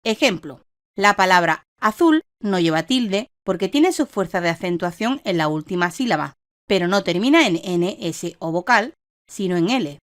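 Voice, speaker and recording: A woman reading a scripted instructional lesson in a measured, didactic way, stressing each example word. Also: lowish voice, lively intonation, no room sound, studio quality. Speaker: online course narrator.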